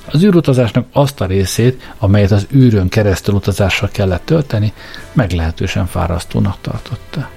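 A man narrating a serialized story in a low, mellow voice, steady and measured. He reads like a radio host presenting the evening's episode. Soft music plays faintly beneath him. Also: gravelly, husky. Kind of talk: scripted narration, serial reading.

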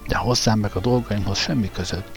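A man voicing a desperate, hysterical male traitor who shouts shrilly in an audiobook reading. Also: on the low side, steady tone, soft background music, lightly acted. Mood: shrill defiance.

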